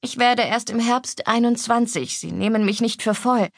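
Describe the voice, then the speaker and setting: A woman's voice: fairly high pitch, normal speed, dry recording, studio quality, pitched above the performer's own voice. A woman voicing a troubled young mistress of an estate, speaking earnestly. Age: young adult.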